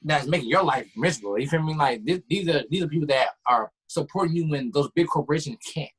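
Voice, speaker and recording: A young man from the Bay Area speaking in a casual group talk, slangy and halting but heartfelt. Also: fairly high pitch, slightly rough, rough recording. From San Francisco Bay Area. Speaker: panel guest. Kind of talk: casual discussion.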